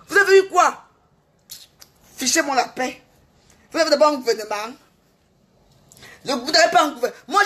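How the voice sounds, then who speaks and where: A woman's voice: sits high, fairly bright tone. Taunting woman ranting on a livestream. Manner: taunting, repetitive, mocking insults. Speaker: social media livestreamer. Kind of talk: boastful livestream rant.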